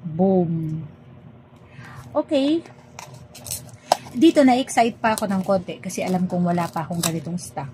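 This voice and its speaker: A woman's voice: fairly low pitch, lively intonation, a little slow, pauses often. A woman chatting casually to her viewers as she unboxes toy figures, switching between Tagalog and English. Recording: clear background ambience noise.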